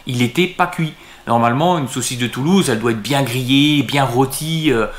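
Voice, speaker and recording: A man's voice: medium pitch, moderate pace. Hesitant man vlogging in an echoey room. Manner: hesitant, many fillers and restarts. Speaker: vlogger reviewing restaurants. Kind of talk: casual talk to camera.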